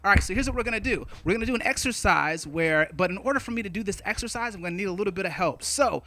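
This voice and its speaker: Male poetry teacher, high and bright, upbeat and playful, counts rhythms aloud. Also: expressive, rapid-fire. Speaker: teaching artist. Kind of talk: upbeat spoken-word poetry lesson.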